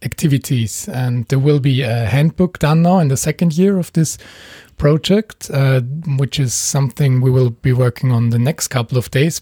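Male podcast host, measured questioning, husky mellow tone. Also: mid-range voice, no echo, clean studio sound. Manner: measured, asks long questions with pauses. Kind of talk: hosting a group interview.

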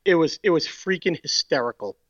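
An excitable man with a Boston accent co-hosting a casual podcast, often restarting his sentences. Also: on the high side, fairly quick, no echo, lo-fi sound. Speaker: podcast co-host.

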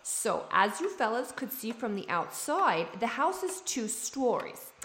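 A folksy estate agent, played by a woman, shows off an old house in slow, homespun sales talk. Her voice carries a roomy echo. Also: on the high side, sing-song, a bit bright, a little hiss or hum. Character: chatty, folksy older female estate agent.

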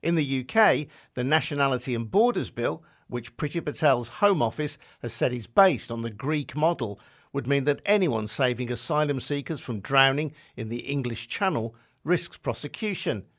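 A man with a mid-range voice hosts a news podcast. He reads his scripted introduction in an earnest, clearly articulated way and then turns to questioning his guest. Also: medium pitch, lively intonation, normal speed, fairly bright tone. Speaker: podcast host. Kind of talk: scripted news narration and interviewing.

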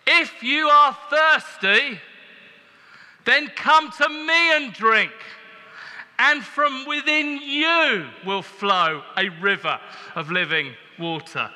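A man voicing a bold northern male prophet who proclaims loudly and slowly to a crowd, as part of a sermon. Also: very high-pitched, long reverb tail, voice pushed up, full character voice. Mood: proclaiming. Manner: loud, slow, proclaiming.

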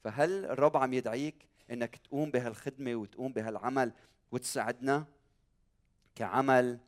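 A man's voice: medium pitch, brisk. A man with a Lebanese Arabic accent preaching a church sermon as a pastor, emphatic, repeating key phrases and putting rhetorical questions to his listeners.

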